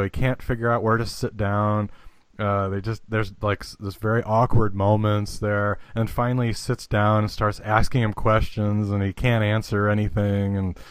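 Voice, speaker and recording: Low voiced guy, chill cohost recapping the plot, dry close sound. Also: smooth, no echo. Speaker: podcast co-host. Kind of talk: casual chat reviewing a TV special.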